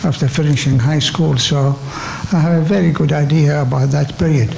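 An older man born in Iraq speaks up from a floor mic stand in a lecture hall. His voice sits a little high, and he talks earnestly, pausing to find his words. Faint room hum lies under his voice. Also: fairly even intonation, creaky, darkish tone. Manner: earnest, halting, with some non-native phrasing. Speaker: audience member asking a question. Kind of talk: spontaneous audience question. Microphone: handheld mic on a stand.

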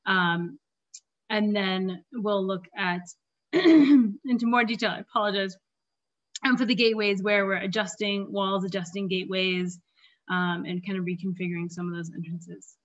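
Woman planner, strained voice going, halting delivery with throat clearing, lo-fi call audio. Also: mid-range voice, steady tone. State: losing her voice. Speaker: park planner presenting at a community meeting. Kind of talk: presentation over slides. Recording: dull lo-fi meeting audio.

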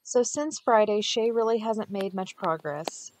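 A woman's voice: medium pitch, unhurried, darkish tone, slight background noise. Earnest woman narrating a rescue vlog. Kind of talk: voice-over narration.

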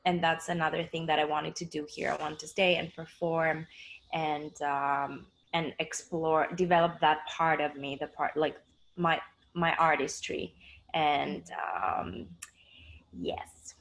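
A woman's voice: sits low, steady tone, a little slow, fairly bright tone, poor audio. A young woman from Greece, a dancer, talking on a video call from her living room couch, with many fillers and restarts. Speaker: dancer and choreographer guest. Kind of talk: casual interview on a video call. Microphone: laptop webcam on a video call.

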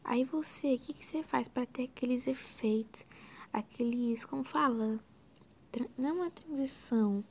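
A Brazilian woman talking through a screen tutorial, her voice slightly high with a gravelly fry and a mellow, dark tone. She drifts into soft whispers and mutters exclamations to herself as she clicks along. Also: moderate pace, a little hiss or hum. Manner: chatty and scattered, often dropping to a soft whisper, exclaiming to herself. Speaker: video editing tutorial host. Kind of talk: casual screen-recorded tutorial.

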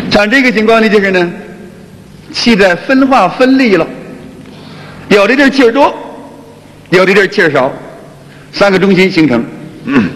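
Male qigong teacher, high-pitched and chatty, recorded in a lecture hall with long reverb. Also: slight background noise. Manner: colloquial and lively, often repeating phrases.

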